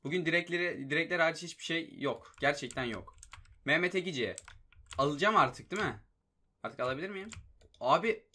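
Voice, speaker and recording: A young man giving live commentary on his football video game, excitable and prone to frustrated outbursts, with keys clicking behind him. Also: fairly high pitch, a little fast. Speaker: gaming YouTuber.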